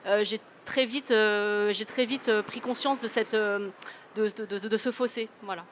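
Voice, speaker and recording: A woman from France speaking as a panel guest, thoughtful and hesitant, often pausing with fillers and restarts. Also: mid-range voice, fairly even intonation, slight background noise. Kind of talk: reflective panel discussion.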